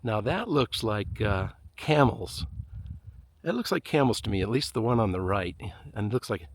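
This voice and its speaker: Out on a desert canyon trail, a man keeps up casual, chatty narration for his vlog, talking to himself and poking fun at himself, with occasional sighs from the climb. His voice is fairly low and sing-song at a moderate pace, with a little hiss or hum in the recording.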